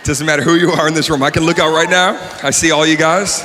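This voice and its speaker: Stand-up comic, man, high lively voice, punchy delivery, roomy stage sound with a faint hum. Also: fast. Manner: animated, shouting punchlines. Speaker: stand-up comedian. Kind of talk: stand-up routine.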